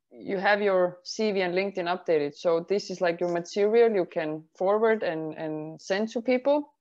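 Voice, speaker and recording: A woman from Estonia, a career advisor answering interview questions in a measured way, explaining things step by step. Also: mid-range voice, darkish tone. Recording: slightly muffled sound.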